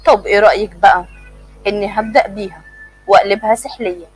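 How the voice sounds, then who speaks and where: A woman's voice: mid-range voice, fairly even intonation, fast talker, soft background music, pitched below the performer's own voice, natural voice, rough recording. A woman voicing a male mad inventor who gloats with menace. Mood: gloating. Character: mad inventor man, bitter old schoolmate.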